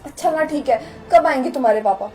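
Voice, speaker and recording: A woman's voice: quick pace, a little mellow, faint music behind, close to an everyday voice. A woman playing a scornful, snobbish young woman. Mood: uneasy. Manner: scolding, contemptuous, shrill outbursts. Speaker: actor in a short skit. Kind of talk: melodramatic web skit acting.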